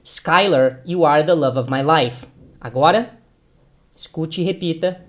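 A man teaching English pronunciation, drilling words slowly and having the listener repeat after him. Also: a little high. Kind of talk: pronunciation lesson.

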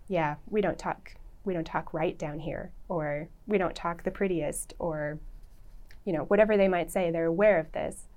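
A woman's voice: low voice, darkish tone. A woman professor, a guest in an interview, explaining at length in an articulate, lecturing way, thinking aloud with fillers.

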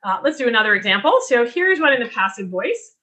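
A woman giving a recorded lecture on writing, explaining clearly and restarting her sentences as she talks. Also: a little high, big pitch swings, fast talker, sharp tone. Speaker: writing instructor.

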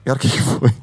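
A man's voice: medium pitch, husky. A man with a Brazilian Portuguese accent, a podcast guest who mentors entrepreneurs, telling stories in a slangy, emphatic way with some swearing. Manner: slangy and emphatic, swears, acts out his own inner voice. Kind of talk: animated podcast storytelling.

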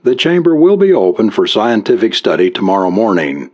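A man's voice: on the low side, big pitch swings, brisk, a little mellow. A man voicing a male radio news announcer giving an urgent, formal bulletin. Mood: grave. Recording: dull lo-fi recording.

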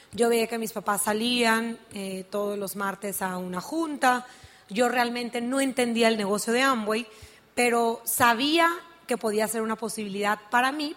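Young woman, stage storyteller, slightly high voice, earnest. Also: a bit bright. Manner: earnest storytelling with fillers like "pues". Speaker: business event speaker. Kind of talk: personal story told on stage.

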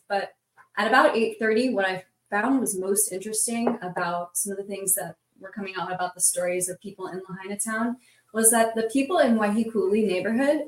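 A woman's voice: medium pitch, recorded from a distance. A woman in a casual roundtable talk, retelling events in a vivid, breathless way with many "like" fillers. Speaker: roundtable guest. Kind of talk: casual storytelling. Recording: roomy sound from off the mic.

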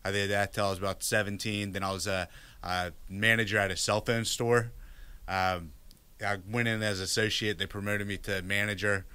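A man in his thirties from Virginia talks candidly in a casual interview, circling back with fillers as he goes. His voice sits low and stays level, with a crisp, bright tone. The recording is dry and close. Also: flat delivery, moderate pace, dry recording. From Virginia, United States. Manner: candid, restarts with many fillers. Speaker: guest.

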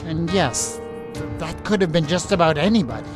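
A man narrating a story in a calm, deliberate way, with the odd small stumble. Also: fairly high pitch, music in the background.

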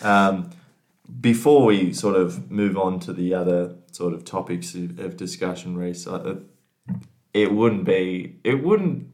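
Podcast co-host, man, low voice, playful and animated. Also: measured pace. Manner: jokey, animated, laughs often. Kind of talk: casual banter.

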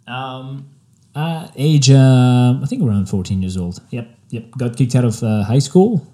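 A man's voice: mid-range voice, measured pace. A young man with a French accent, a photographer being interviewed, talking casually and reflectively with frequent fillers. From Spain. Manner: relaxed, laid-back and reflective, with frequent fillers. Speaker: photographer guest.

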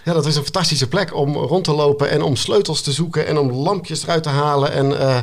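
Relaxed man chatting about his book. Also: fairly high pitch, a little fast. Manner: frequent hesitations. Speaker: children's book author as guest. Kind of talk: casual conversation.

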